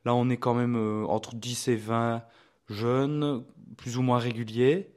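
A young man from Liège, a theology student guest in a radio interview, speaking in a measured way with some hesitations. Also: mid-range voice, flat delivery, darkish tone. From Liège, Belgium. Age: young adult.

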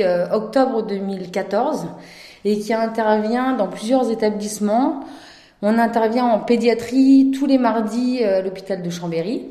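A woman's voice: medium pitch, warm tone. A woman explains her work as a professional clown in interview answers. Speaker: professional care-setting clown. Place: echoing room in a care home. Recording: echoey indoor room.

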